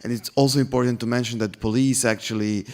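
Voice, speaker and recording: A man moderating a conference discussion in a polite, somewhat halting way. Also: medium pitch, steady tone, a little mellow. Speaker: panel moderator.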